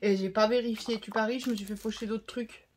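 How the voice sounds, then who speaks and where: A woman's voice: a little high, fairly quick, a little hiss or hum. A French woman showing her craft haul, talking casually to her viewers and reacting to each item. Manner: chatty and expressive, talks to viewers while unpacking. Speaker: craft vlogger. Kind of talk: casual haul chat to camera.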